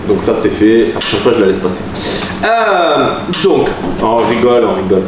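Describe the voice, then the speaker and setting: A man in his forties from southern France, a vlogger and taekwondo master, tells stories to the camera in a chatty, laughing way, full of animated asides. His voice sits on the low side at a normal speed. The room holds a camera crew, and the recording sounds roomy, with a distant mic and background noise.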